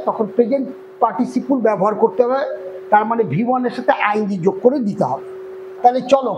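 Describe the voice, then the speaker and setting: Man, Bengali accent, very high voice, grammar teacher, explains step by step, faint background hum. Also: dull audio. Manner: explains step by step, often checks "clear?". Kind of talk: online grammar lesson.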